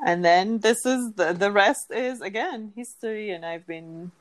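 In a conversational interview, a dietitian guest from Iran reflects on her career and on food culture. Her voice is mid-range, and she speaks at a measured pace.

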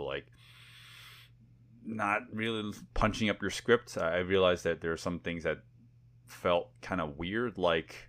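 A man co-hosting a podcast, chatting casually about a movie in a relaxed, rambling way with plenty of fillers. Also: low-pitched. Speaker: podcast co-host. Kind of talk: casual film review chat.

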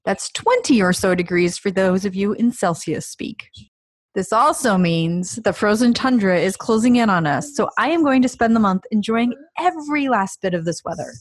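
A woman co-hosting a podcast in casual chat, talkative and quick to laugh. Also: mid-range voice, lively intonation, no room sound. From United States. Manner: chatty, laughs easily. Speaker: podcast co-host.

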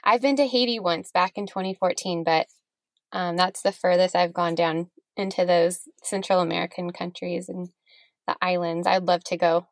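With a fairly low, steady voice at a moderate pace, a woman hosts a podcast, chatting in a casual interview style with guests. She is friendly, laughs easily, and restarts as she talks, and the recording is dry.

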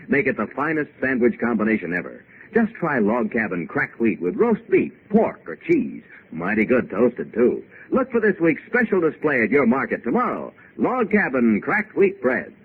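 A man announcing in 1940s radio style with a lively, sing-song sales delivery, heard from an old broadcast transcription disc. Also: mid-range voice, slight background noise. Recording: tinny old radio transcription with faint music.

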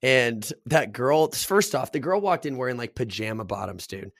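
A man's voice: mid-range voice, moderate pace, dry recording, clean studio sound. A man hosting a podcast, telling bar stories in casual chat and swearing freely. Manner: swears freely, excitable storytelling. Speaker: podcast host.

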